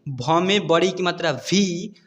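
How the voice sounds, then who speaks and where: High-voiced man spelling words aloud. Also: takes it slowly, in a large hall. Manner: spells words out letter by letter, repeating "ठीक है". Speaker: Hindi teacher. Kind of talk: slow syllable-by-syllable reading lesson.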